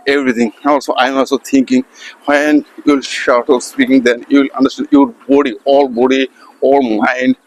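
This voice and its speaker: A man's voice: mid-range voice, no echo, low-quality recording. A man, teaching pronunciation in an informal spoken lesson, hesitating often with many fillers and restarts. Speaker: English teacher.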